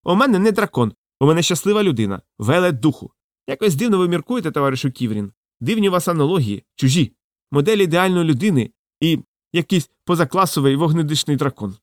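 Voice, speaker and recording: A man putting on a shrill falsetto demagogue. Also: very animated, fast talker, dry recording, clean studio sound. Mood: lecturing. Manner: shrill, preachy, accusing. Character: pompous middle-aged male pseudo-scientist demagogue. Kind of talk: audiobook character voice.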